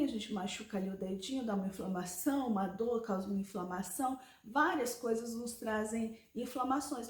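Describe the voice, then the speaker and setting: A woman in her forties explaining a health topic in a conversational personal vlog, often checking in with the viewer. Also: on the high side. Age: 40s. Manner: conversational, explanatory, with frequent tag questions. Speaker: vlogger. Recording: echoey room.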